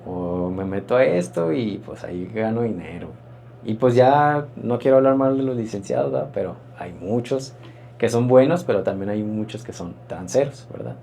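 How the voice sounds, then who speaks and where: A pastor, telling his personal testimony in an interview in an earnest, reflective, halting way. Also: mid-range voice, expressive, vocal fry, warm tone, slight background noise.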